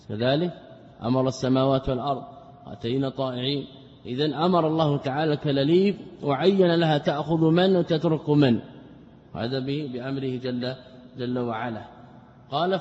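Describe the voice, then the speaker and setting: A man giving a religious lesson, explaining a classical text, repeating words, asking rhetorical questions and slowing down to recite quotations. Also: medium pitch, a little mellow. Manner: slows down when reciting quoted texts. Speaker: religious teacher. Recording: dull lo-fi lecture recording with long reverb.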